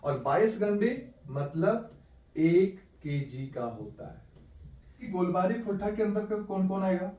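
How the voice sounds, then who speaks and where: A man's voice: high-pitched, expressive, slow pace, a little mellow, lo-fi sound. Man teaching in an echoey room. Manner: repeats key points as questions and answers them. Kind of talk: exam-prep lesson. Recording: echoey room, mic at a distance.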